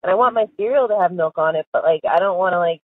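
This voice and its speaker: A woman talks over a tinny prison phone line, and her voice sounds dry and a little husky. She is chatty and giggly, and she strings her thoughts together with lots of fillers. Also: lowish voice, fast talker, no echo. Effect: recorded prison phone call. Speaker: caller to an inmate. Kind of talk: casual phone chat.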